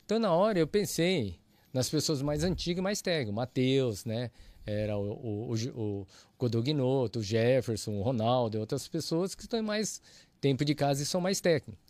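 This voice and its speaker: A man's voice: medium pitch, moderate pace, no room sound. A man, a church audio ministry leader, telling his testimony as a guest in a casual way and acting out both sides of each exchange. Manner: lively, acts out both sides of dialogues.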